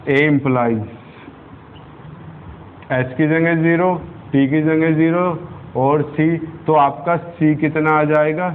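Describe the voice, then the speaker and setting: A man's voice: on the high side, slight background noise. A young man teaching physics at a whiteboard, explaining step by step and asking his students questions. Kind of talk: whiteboard lecture. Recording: tinny phone-like lo-fi sound.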